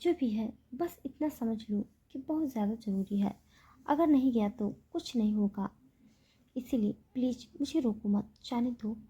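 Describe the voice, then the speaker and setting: A woman voicing a tender young lover, soft and husky. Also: on the high side, a little slow.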